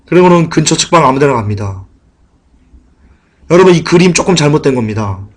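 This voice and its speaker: A male pastor preaching a sermon in church, swinging dramatically between emphatic bursts and hushed lament. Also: a little high, animated, brisk.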